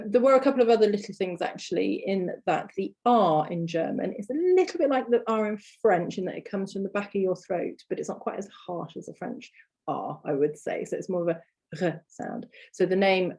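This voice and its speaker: British woman, lowish voice, patient language teacher who repeats words slowly for learners. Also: a little mellow, breathy edge. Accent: British English. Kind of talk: online language lesson.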